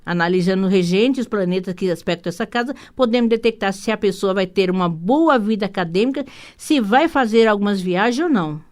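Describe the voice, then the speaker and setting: A woman's voice: medium pitch, animated. A Brazilian woman hosting a radio talk show, explaining astrology in a rambling way, with many restarts and tag questions. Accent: Brazilian Portuguese. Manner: rambling, warm asides with frequent "né?" tags; hurried, many restarts and repeated words. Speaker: radio show host and holistic psychotherapist.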